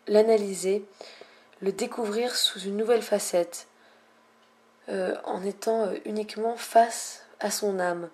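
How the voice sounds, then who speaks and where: This young gamer's late-night narration of her recording is hushed and breathy, sometimes dropping nearly to a whisper. Her speech is flowery and lyrical yet halting, and she has been coughing slightly of late.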